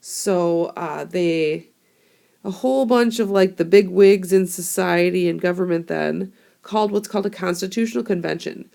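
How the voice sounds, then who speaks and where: Despite a cold that makes her hoarse, a young teacher keeps her recorded history screencast casual and chatty, using fillers as she explains into a tablet microphone. Her mid-range voice is warm with a creaky quality.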